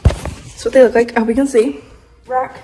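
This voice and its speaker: A woman's voice: on the high side, fairly even intonation, normal speed, far from the mic, heavy background noise. Chatty teen girl in an echoey kitchen. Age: teens. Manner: chatty, self-mocking, rambling. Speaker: vlogger. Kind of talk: casual baking vlog. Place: home kitchen, indoors. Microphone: phone camera at a distance. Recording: roomy kitchen, off-mic, music.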